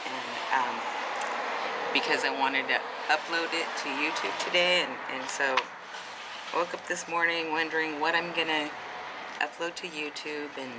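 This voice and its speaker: Hesitant woman in her fifties, noisy deli. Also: low voice. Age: 50s. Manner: hesitant, many filler ums and restarts. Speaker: artist vlogger. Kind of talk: casual vlog monologue. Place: at a neighborhood deli store, public spot. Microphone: handheld camera.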